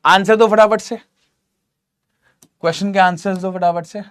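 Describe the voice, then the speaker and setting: A man teaching a grammar lesson in a lively, joking way, often asking his students questions. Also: sits high, moderate pace, clear, resonant tone.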